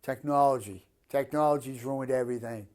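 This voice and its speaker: A man in his fifties from the Boston area, with the local Boston accent. His tone is mellow and dark, at a middling pitch. He talks casually and bluntly, like someone answering questions about himself. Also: a little fast. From Boston area, Massachusetts, USA. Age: 50s. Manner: blunt, plain-spoken, given to swearing. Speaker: interviewee. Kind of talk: casual chat.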